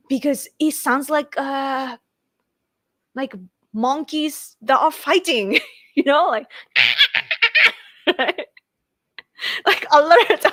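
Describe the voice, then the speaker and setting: In a casual live-stream chat, a Japanese woman in her late thirties answers her viewers with a Japanese accent, frequently breaking into laughter. Her voice is high and fairly bright, with no room sound at all.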